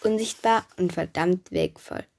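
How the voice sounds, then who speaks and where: Woman telling a lively storybook tale, gravelly. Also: on the low side, a little slow. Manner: lively, chatty, speaks straight to the listener. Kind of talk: first-person storybook narration as a god.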